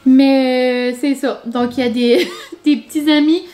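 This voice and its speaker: A woman's voice: high-pitched, fairly even intonation, unhurried, mellow, faint music behind. A woman talking casually to her vlog camera at home, rambling and chatty with lots of fillers. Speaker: vlogger. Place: home, indoors.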